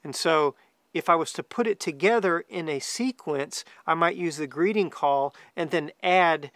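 Brief: male instructor, forties, from the US, slightly high smooth voice, relaxed explanatory delivery to camera. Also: moderate pace, dry recording. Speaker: duck hunting guide and calling instructor. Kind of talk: informal instructional talk to camera. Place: outdoors among trees, seated.

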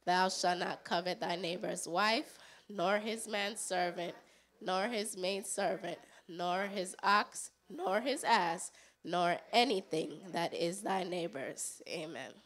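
A woman's voice: on the low side, takes it slowly, fairly bright tone. A woman steadily reciting a formal scripture passage. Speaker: scripture reader.

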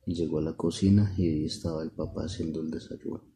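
A father telling his child a bedtime story at home, in a soft, unhurried way with lots of repetition. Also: rumbling low, steady tone, slight background noise.

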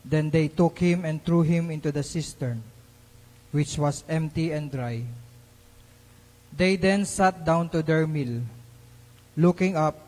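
A man speaks in a large echoing church with long reverb. His voice sits a little high for a man. He reads scripture as a lector, slowly and deliberately, in a solemn, formal style. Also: a little mellow. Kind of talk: solemn liturgical scripture reading. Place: large church during Mass.

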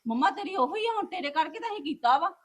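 A woman's voice: extremely high pitch, animated, quick pace. A woman playing a married daughter, talking in a pleading and reproachful way in a family web drama. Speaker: married daughter visiting her mother.

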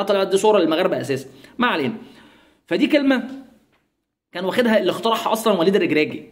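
A man from Egypt with an Egyptian Arabic accent, giving sarcastic, mocking commentary in a comedic vlog. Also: high-pitched. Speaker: YouTuber.

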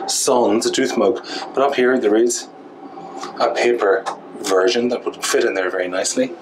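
A man's voice: medium pitch, noisy background. Wry man vlogging in a ship cabin. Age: 40s. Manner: wry, dry sarcastic humour. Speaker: travel vlogger. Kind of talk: casual vlog room tour. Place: small ship cabin, indoors. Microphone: handheld camera at arm's length with small mic.

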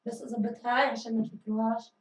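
A woman teacher giving a grammar lesson, drilling answers and stretching words slowly. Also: fairly high pitch, level tone, recorded from a distance, muffled recording. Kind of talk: recorded classroom grammar lesson. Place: school studio room. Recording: echoey room, mic set back.

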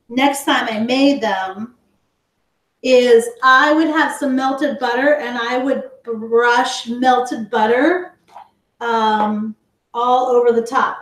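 In her home kitchen, a woman leads a live online cooking class for kids, walking through each step slowly and chatting with viewers, whom she calls "guys." Her voice is on the high side, and the room sounds reverberant.

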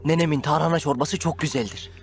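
Meek, high-pitched young follower played by a man. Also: fairly even intonation, fast talker, over music, lightly acted. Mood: defensive. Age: 20s. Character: obedient, protesting young grandson and rebel follower. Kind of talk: TV comedy-drama acting.

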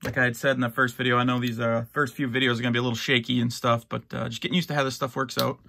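A middle-aged man opening a box of sports cards for his channel, easygoing and rambling with lots of fillers and restarts, a little hoarse and clearing his throat now and then. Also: mid-range voice, little pitch movement, rapid-fire, bright, forceful tone, no echo. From United States. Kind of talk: casual box-break commentary. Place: at home, in his basement.

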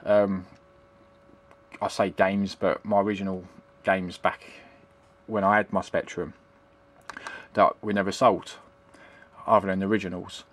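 Low-pitched and level with a fairly bright tone, this middle-aged man speaks at a measured pace and pauses often as he demos retro computing. The unscripted tutorial rambles, hesitates, and repeats. He sits at a home computer desk indoors, captured by a handheld camera's built-in microphone.

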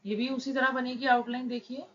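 A woman teaching shorthand, explaining each word slowly and patiently, step by step. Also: level tone. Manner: slow, patient, drawn-out words. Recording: dull low-fi recording with faint noise.

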